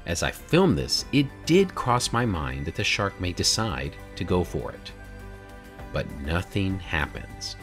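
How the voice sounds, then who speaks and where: A man in his forties narrates a documentary in a measured, explanatory tone, often asking rhetorical questions. His voice sits low but moves with lively intonation. Faint music plays underneath. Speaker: drone videographer and channel host. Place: home studio room, indoors.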